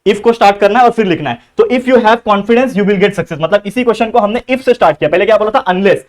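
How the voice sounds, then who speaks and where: A man's voice: high-pitched, fairly quick. A man with an Indian accent teaching an exam-prep lesson, explaining step by step and asking and answering his own questions.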